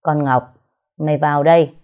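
A woman's voice: deep voice, fairly even intonation, normal speed, muffled recording, natural voice. A woman voicing a strict older father from the countryside, stern and commanding.

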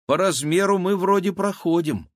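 A man voicing a quick-witted, teasing teenage girl in an audiobook, raising his voice high for her. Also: lightly acted. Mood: eager. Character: quick-witted teenage girl, sharp-tongued twin sister. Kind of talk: audiobook character voice.

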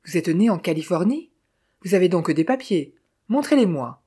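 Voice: mid-range voice, very animated, normal speed, mellow, breathy edge. A narrator voicing a coarse, bullying police captain who talks sarcastically and blusters. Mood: blustering. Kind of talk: audiobook character voice.

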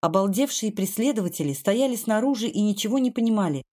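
A woman narrating a storybook with a mellow, warm tone. Her reading is steady and even-paced, with a mid-range voice. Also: mid-range voice, quick pace. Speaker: audiobook reader.

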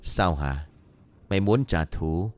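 A man voicing a greedy male sorcerer of dark arts, speaking in a calm, smug and mocking way. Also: low-pitched, slow.

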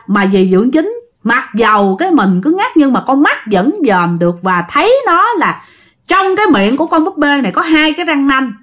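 A woman's voice: high-pitched, fairly bright tone. A woman with a Southern Vietnamese accent telling a ghost story in a casual, chatty way, speaking straight to her listeners and acting out the characters' lines. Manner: chatty, addresses listeners directly; acts out characters' lines in quotes.

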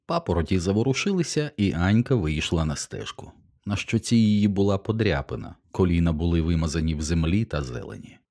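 A man narrating an audiobook in a steady, measured way. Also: low-pitched.

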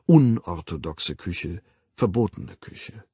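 A man voicing a calm, worldly male ruler who lectures in a measured, ironic way, in an audiobook. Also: low voice, slightly rough, dry recording, clean studio sound, exaggerated voice. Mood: calm superior.

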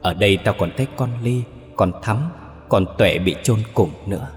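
A man voicing the gentle ghost of a murdered young woman in a spoken horror story, speaking faintly and mournfully. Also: lowish voice, normal speed, long reverb tail, soft background music, lightly acted. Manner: faint, whispering sorrowfully.

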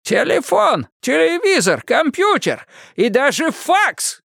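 A shrill cranky old watchman. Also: sing-song, unhurried, creaky, no echo, studio quality, exaggerated voice. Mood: furious. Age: older. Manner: shouting, mocking, bossy. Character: cranky old male boat-yard watchman with a shotgun. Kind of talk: audiobook character voice.

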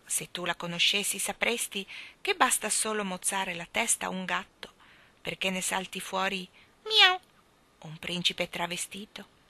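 A woman voicing a sly, proud talking cat who breaks into high drawn-out meows. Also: lively intonation, bright, forceful tone.

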